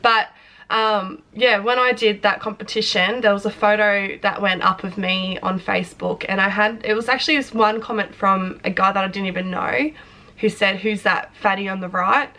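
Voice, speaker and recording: Young woman with flu-hoarse voice, bright tone, candid and rambling; personal vlog. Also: mid-range voice, fairly even intonation, normal speed. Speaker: vlogger and personal trainer. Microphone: front camera close up.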